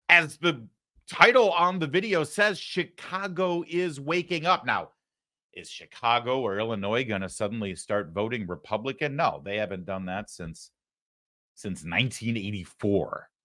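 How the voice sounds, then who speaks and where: Bright, forceful American male commentator. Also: medium pitch. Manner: emphatic, pausing for weight, rhetorical questions. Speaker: political commentator hosting the show. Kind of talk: political commentary.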